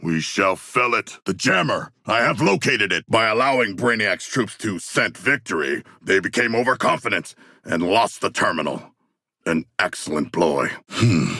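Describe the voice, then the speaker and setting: A bloodthirsty video game shark warrior, deep and gravelly. His speech is grand, formal and literal-minded, swinging widely in pitch with theatrical pride. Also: lively intonation, moderate pace, sharp tone, dry recording, studio quality, full character voice. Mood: grave, dry. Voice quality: gravelly, husky. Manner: stilted, grandiose formal diction.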